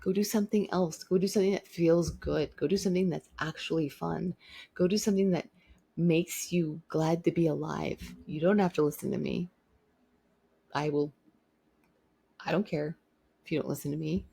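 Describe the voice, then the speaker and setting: In an opinionated talk-to-camera monologue, a woman vlogger speaks emphatically and keeps repeating her points for stress. Her voice is low, mellow and husky, with vocal fry, a steady tone and a moderate pace.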